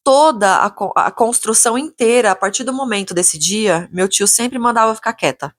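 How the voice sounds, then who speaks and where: A fairly high-voiced woman vlogger tells a long story from her home renovation. Her talk is casual and chatty, with plenty of fillers and retold back-and-forth dialogue. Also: moderate pace.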